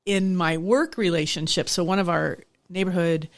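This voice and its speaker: Middle-aged woman guest, gravelly, reflective storyteller. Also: fairly low pitch, moderate pace. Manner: reflective, candid storytelling with frequent restarts. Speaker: nonprofit executive director, podcast guest. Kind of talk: conversational interview.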